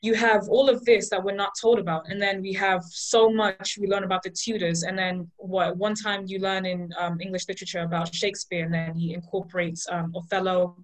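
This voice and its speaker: A young woman from Liberia and Ghana, arguing passionately in an online student debate with a fast flow of points and fillers. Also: mid-range voice, fairly even intonation, low-quality recording. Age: young adult. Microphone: video call.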